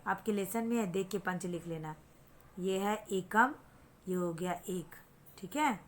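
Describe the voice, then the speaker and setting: A woman's voice: mid-range voice, measured pace, slight background noise. A woman teacher with an Indian accent giving an online lesson to children, patient, repeating things and asking questions back to check understanding.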